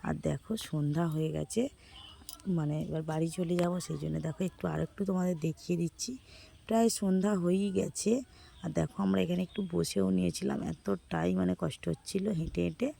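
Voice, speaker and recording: Hoarse, gravelly woman chatting to viewers. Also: lowish voice, steady tone, normal speed, warm tone. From West Bengal, India. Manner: chatty, addressing viewers as friends. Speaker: vlogger. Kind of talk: casual vlog voice-over. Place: outdoors.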